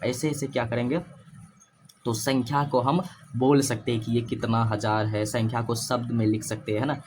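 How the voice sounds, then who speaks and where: A man's voice: mid-range voice, level tone, moderate pace, darkish tone. Man, maths teacher, repeats himself, quizzes himself, faint background hiss. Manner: repetitive, asks and answers own questions. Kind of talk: classroom-style lecture.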